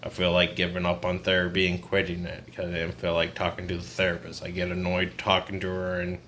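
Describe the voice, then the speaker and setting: A man's voice: sits low, completely flat delivery, quick pace, a bit bright. A man in his twenties talking in a casual, rambling personal vlog, downcast, burned-out and confiding. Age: 20s. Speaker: vlogger. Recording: noisy ambient background.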